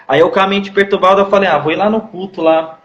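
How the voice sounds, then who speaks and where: A man's voice: sits high, steady tone, fast talker, a bit bright, echoey room, muffled recording. Earnest man telling his testimony. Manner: repetitive, earnest storytelling with church slang. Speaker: guest sharing his testimony. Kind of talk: emotional personal testimony.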